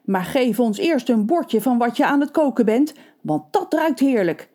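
Woman doing shouting angry townsfolk. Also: a little high, sing-song, moderate pace, pitched above the performer's own voice. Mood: demanding.

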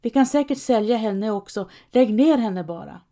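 A woman reading aloud and voicing a crude, greedy male robber with a shrill, loud way of exclaiming. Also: lightly acted. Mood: shrill excited. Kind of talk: audiobook reading.

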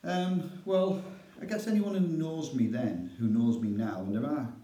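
A man's voice: medium pitch, measured pace, warm tone, roomy sound, poor audio. A middle-aged man with a Northern English accent, a church elder telling his story in a casual interview, chatty and self-deprecating.

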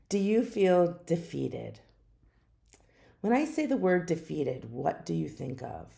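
A middle-aged woman hosts her own reflective solo podcast, speaking unhurriedly and musingly with some hesitations. Her naturally deep, mellow voice is hoarse from a lingering cough.

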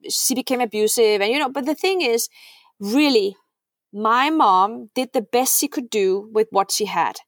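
Her voice on the high side and her pace normal, this middle-aged woman from Denmark talks sincerely as a podcast guest in a heartfelt conversation. She tends to repeat words and asks "right?" to check in, heard in a dry, studio-quality recording.

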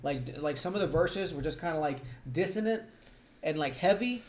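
A man's voice: a little high, lively intonation, normal speed. A young man in casual chat as a podcast co-host, tipsy after a few beers, blunt and swearing casually, with lots of "like".

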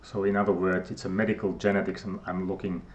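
This guest scientist from Finland, a middle-aged man with a Finnish accent, has a low-sitting voice that barely moves in pitch. He talks fast and hesitantly, full of fillers and restarts, in casual interview conversation, and the recording's highs are cut off.

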